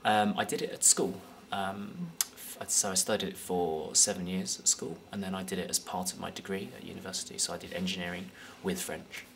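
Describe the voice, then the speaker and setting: A young Englishman with a very low, gravelly voice gives casual interview answers. He stops and starts often, filling his gaps with ums. His accent is English. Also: fairly quick, hardly any pauses, a bit bright, slight background noise. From United Kingdom. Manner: hesitant, many fillers and restarts. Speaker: guest.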